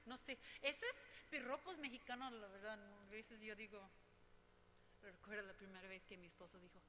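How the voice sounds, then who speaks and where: A woman's voice: medium pitch, a little fast, bright, forceful tone, long reverb tail, slight background noise. A woman preaching to women, telling personal stories with humor and acting out what people said. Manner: personal, humorous storytelling with quoted voices. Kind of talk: sermon.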